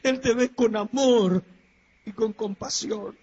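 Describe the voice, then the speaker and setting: A man preaching a sermon, swinging between fervent shouting and low, intense speech. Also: takes it slowly, husky, muffled recording. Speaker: preacher giving a testimony.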